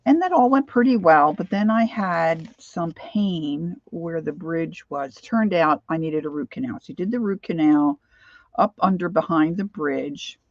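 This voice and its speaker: A woman's voice: low voice, measured pace, darkish tone, dry recording. A middle-aged American woman chatting casually and ramblingly on a livestream, with slightly lisped speech from missing teeth. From Pennsylvania, United States. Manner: rambling, chatty, addresses viewers by name. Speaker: craft livestream host. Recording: dull, lo-fi sound.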